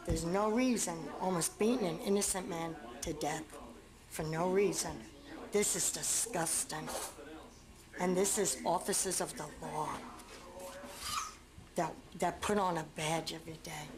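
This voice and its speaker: A middle-aged woman, the mother of a beaten man, being interviewed and talking indignantly, repeating herself as she describes photos. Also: lowish voice. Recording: roomy with crowd noise.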